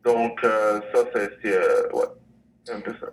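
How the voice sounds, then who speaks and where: A man's voice: lowish voice, expressive, a little slow, far from the mic, slight background noise, poor audio. A man from Congo, director of a language school, answering radio interview questions with many fillers and restarts.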